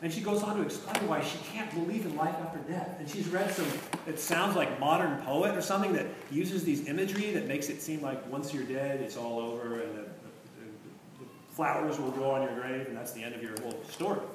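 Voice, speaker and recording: A man giving a conversational, musing lecture to a class, trailing into low asides, recorded from a distant mic in a large room. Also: brisk. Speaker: teacher. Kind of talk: lecture on literature and faith. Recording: echoey room, distant mic, faint noise.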